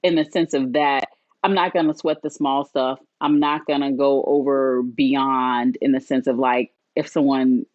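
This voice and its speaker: A woman's voice: very deep voice, steady tone, a little slow, a little mellow, no room sound. Reflective woman in her forties, dry dull audio. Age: 40s. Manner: reflective, laughs often, says "right?" a lot. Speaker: podcast co-host. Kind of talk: casual chat.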